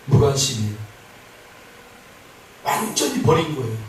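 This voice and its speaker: A man pastor preaching a sermon, swinging between loud impassioned passages and soft quiet asides. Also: mid-range voice, very animated, unhurried, slight background noise. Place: church sanctuary. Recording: echoey church from far off.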